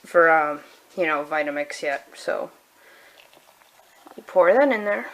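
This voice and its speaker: A woman's voice: low voice, lively intonation, a little slow, slight background noise, rough recording. A woman casually demonstrating a homemade recipe in her kitchen, talking in a chatty, rambling way with restarts. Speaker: home cook vlogger. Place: home kitchen.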